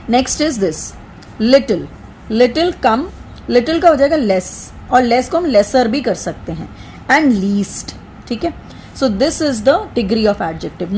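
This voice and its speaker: Slow, higher-pitched woman teaching English. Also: a little mellow, slight background noise. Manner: explains in Hindi, switching to English for examples. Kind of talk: spoken English lesson.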